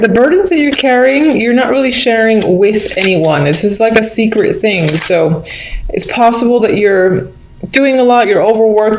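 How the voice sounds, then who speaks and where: A woman giving an unscripted mystical tarot horoscope reading, musing and thinking aloud as she addresses the listener. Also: mid-range voice. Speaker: tarot reader. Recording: roomy echo, background noise, faint clicks.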